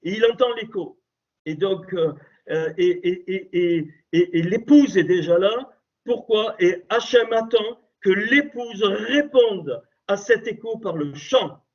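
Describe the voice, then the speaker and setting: Husky highish guy teaching torah, emphatic, dull lo-fi call sound. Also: expressive, takes it slowly. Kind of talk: spoken religious teaching over a call. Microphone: computer call microphone.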